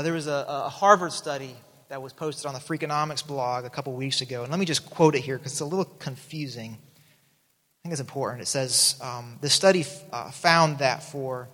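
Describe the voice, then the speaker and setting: This mid-range, fairly bright male voice comes from a pastor in his thirties with a South American upbringing, preaching earnestly in a large hall. He tends to restart his sentences and repeat words as he opens a new thought.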